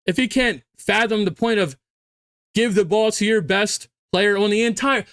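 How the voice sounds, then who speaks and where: A man's voice: sits high, moderate pace, fairly bright tone, no room sound, clean studio sound. A drunk man on a heated, profane sports rant as a fan, hammering points home by repeating his phrases. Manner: emphatic, repeats phrases for stress.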